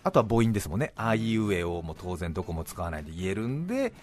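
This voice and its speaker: Man, middle-aged radio host, playful explainer, lively pitch, fast pace. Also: faint music behind. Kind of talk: casual studio chat. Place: radio studio.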